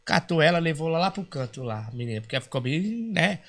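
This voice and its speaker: A man's voice: on the high side, quick pace. A man from Brazil telling a story in casual chat, acting out the quotes with swearing. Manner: animated, acts out quotes with swearing.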